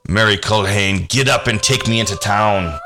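A man voicing an evil, scaly male creature from a grave, hungry and commanding, in a slow, hissing voice. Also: fairly low pitch, close to an everyday voice. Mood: menacing.

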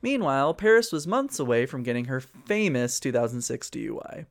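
A man's voice: medium pitch, big pitch swings, fairly quick, vocal fry. A man co-hosting a casual pop-culture podcast, reading from notes and then riffing in a chatty, joking way with laughs and the odd swear. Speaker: podcast co-host.

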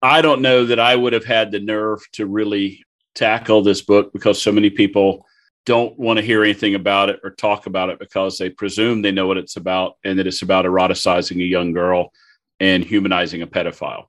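A man's voice: on the low side, flat delivery, fairly quick, fairly bright tone. A man co-hosting a podcast, explaining a novel in a conversational way. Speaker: podcast co-host. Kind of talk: casual literary discussion.

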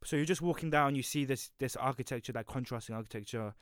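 A young man talks quickly and freely as a podcast co-host, wandering through his points and correcting himself as he goes. His voice is smooth and clear. The recording is dry and close. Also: mid-range voice, dry recording. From London, United Kingdom. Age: young adult. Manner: chatty, rambling, self-correcting. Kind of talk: casual podcast chat.

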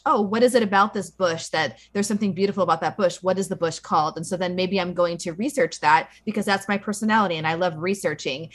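A woman hosting a podcast, chatting casually and enthusiastically before signing off. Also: lowish voice. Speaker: podcast host. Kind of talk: casual chat and sign-off.

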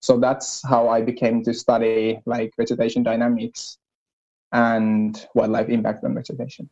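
A young man from northern Finland with a Finnish accent, a guest explaining his research at a measured pace. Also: medium pitch, level tone, darkish tone, dull audio. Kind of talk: casual interview.

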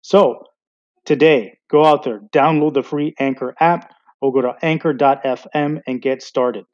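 A man's voice: medium pitch, fairly even intonation, unhurried, a little mellow, muffled recording. A man hosting a podcast, talking in a casual, conversational and self-deprecating way. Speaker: podcast host.

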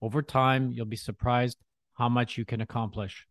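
A man's voice: medium pitch, little pitch movement, moderate pace, no echo. A man working as a financial advisor, delivering scripted advice as a podcast co-host.

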